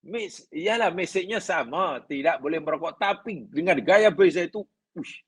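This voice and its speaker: A man's voice: a little high, animated, normal speed, breathy edge, rough recording. A middle-aged man, a religious teacher giving a conversational classroom lecture on hadith and illustrating points with everyday examples. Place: class at an Islamic study centre.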